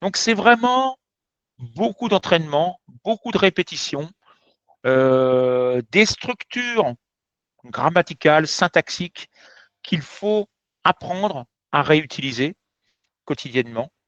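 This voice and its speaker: Guy teaching a lesson, direct and emphatic, high lively voice, dry dull sound. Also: takes it slowly, no room sound. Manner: direct, emphatic, addresses viewers as vous. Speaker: French teacher. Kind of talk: explanatory lesson. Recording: dull, slightly muffled sound.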